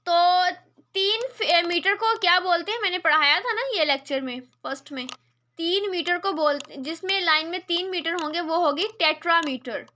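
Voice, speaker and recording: A woman teaches a poem over a video call, her voice high and bright. She explains patiently, step by step, and keeps asking whether her student follows. A faint hiss sits under the call. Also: normal speed. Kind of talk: online lesson on a poem.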